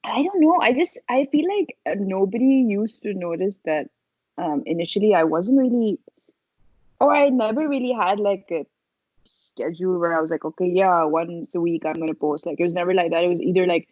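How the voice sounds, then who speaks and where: A woman's voice: fairly low pitch, lively intonation, brisk, a little mellow, no echo. Woman, podcast guest, casual hesitant rambly talk, dry kinda muffled mic. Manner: hesitant, informal, full of "like". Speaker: podcast guest, social media video creator. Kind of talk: casual chat. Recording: dry, slightly dull audio.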